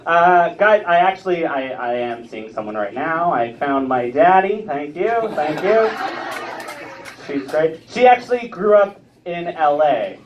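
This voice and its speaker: Male comic, late 20s, bouncy animated delivery, chatty crowd asides, far-off muffled club audio. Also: on the high side, a little slow, slight background noise. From Ontario, Canada. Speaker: stand-up comedian. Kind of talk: live stand-up set. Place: comedy club stage with a live audience. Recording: distant, muffled club recording.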